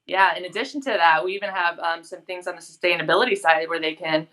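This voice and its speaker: Woman, interview guest, deep voice, bright tone, measured, hesitant fillers. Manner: measured, frequent ums. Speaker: company guest. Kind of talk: interview answer.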